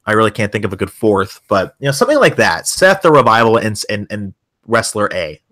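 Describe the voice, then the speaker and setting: A man's voice: lowish voice, very animated, brisk, a bit bright. A man co-hosting a casual wrestling-news podcast, leading segments with wry, sarcastic asides. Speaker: co-host.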